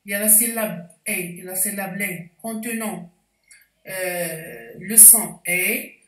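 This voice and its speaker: A woman teaching a spelling lesson, explaining slowly and carefully with frequent hesitations. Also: mid-range voice, sharp tone. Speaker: French teacher. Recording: echoey room, voice distant from mic.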